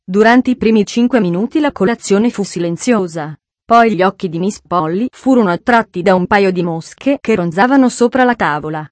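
Woman narrating a story calmly. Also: mid-range voice, normal speed, hardly any pauses, dry recording. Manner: calm, even storytelling. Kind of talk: audiobook narration.

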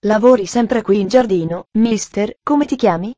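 A woman's voice: mid-range voice, normal speed, darkish tone, no room sound, lo-fi sound, natural voice. A woman reading aloud and voicing a cheerful, eager little girl with an earnest way of talking.

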